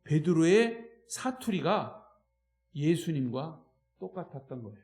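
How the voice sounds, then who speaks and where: A man with a Chungcheong Korean accent, a pastor preaching emphatically and calling on the congregation, shifting between loud and quiet. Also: a little high, sing-song, measured pace. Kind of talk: sermon. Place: church at evening worship.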